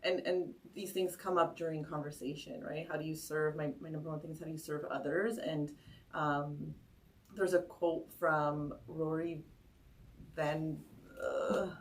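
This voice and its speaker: A woman's voice: deep voice, little pitch movement, a little slow, recorded from a distance. A woman who grew up in Canada, a podcast guest talking earnestly and often repeating her first words. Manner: earnest, repeats words when starting sentences. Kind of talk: casual interview chat.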